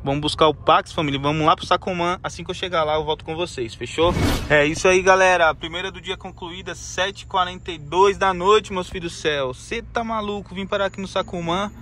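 In a city car vlog, a rideshare driver speaks briskly in a high, pushed, bright voice, keeping his intonation fairly even with few pauses. His casual slang includes calling viewers guys and family. Traffic and street sounds come through the noisy recording made in and around the car.

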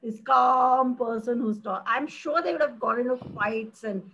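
A middle-aged woman from India, a philosophy professor, talking passionately in a conversational interview, animated and expressive, often restarting her sentences. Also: on the high side, moderate pace, lo-fi sound, a little hiss or hum.

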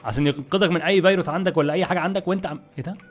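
A young man with an Egyptian Arabic accent, giving excitable, exasperated gameplay commentary to his viewers. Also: high voice, racing, faint music behind. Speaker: gaming YouTuber.

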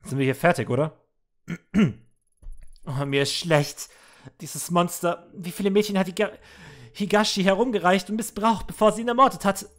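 A man's voice: high-pitched, moderate pace, long pauses, fairly bright tone. A man reading game text aloud and commenting in a let's play, earnest and somber, with small restarts.

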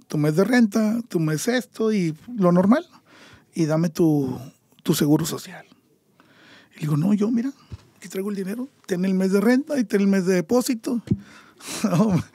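A middle-aged man with a Mexican accent, a podcast guest telling his story in a lively way and acting out the voices of the people in it. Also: high-pitched, husky, no room sound. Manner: animated, acts out voices in his stories. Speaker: podcast guest, taco shop owner. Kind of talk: storytelling interview.

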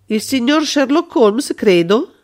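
A woman's voice: a little high, lively intonation, takes it slowly, darkish tone, voice pushed up. A woman voicing a mocking elderly servant woman in an audiobook, sly and knowing. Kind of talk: audiobook character reading.

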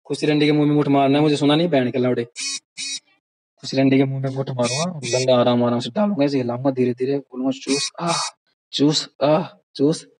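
A man's voice: mid-range voice, steady tone, quick pace, background noise. A man on a voice call, delivering a heated, aggressive rant full of taunts and insults. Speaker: caller in a group voice call. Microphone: phone on a voice call, screen-recorded.

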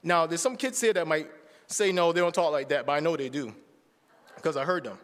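A man's voice: fairly high pitch, fairly quick, a bit bright. A man in his forties giving a casual, conversational sermon as a church speaker, often checking in with the congregation. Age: 40s. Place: church sanctuary. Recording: long reverb of a church hall.

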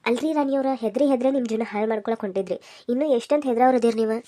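A woman's voice: on the high side, rapid-fire, warm tone, a little hiss or hum, natural voice. A woman voicing a persistent young man courting a woman, insistent and questioning, with a North Karnataka accent. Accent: North Karnataka Kannada. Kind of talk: cartoon voice acting.

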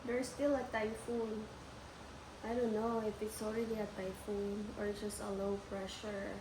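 A woman's voice: mid-range voice, flat delivery, measured pace, background noise. A woman vlogging casually at home, chatting to her viewers about the storm and her family. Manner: chatty, addresses viewers as guys. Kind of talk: casual family vlog chat.

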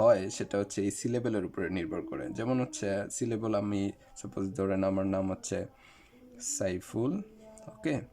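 Low, mellow-voiced man teaching a lesson. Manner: explanatory, with fillers, addresses viewers directly. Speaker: English teacher. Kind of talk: explaining lesson.

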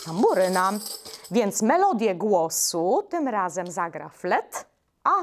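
Slow, lively-voiced woman teaching children music. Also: mid-range voice. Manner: slow, patient instructions with short "e" pauses. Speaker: music workshop leader for children.

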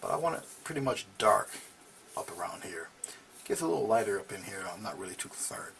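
Speaking a little fast in a creaky voice, a middle-aged man teaches painting from his small home studio, relaxed and chatting as he paints, often murmuring during the brush work. There's a little hiss or hum in the audio.

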